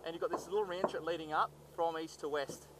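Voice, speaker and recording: A man's voice: on the high side, fairly even intonation, fast. A man, a soldier, giving blunt, slangy orders and terse radio calls outdoors. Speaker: soldier, troop commander. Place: outdoors on an open rocky hillside. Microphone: body-worn action camera. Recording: noisy outdoor body camera audio.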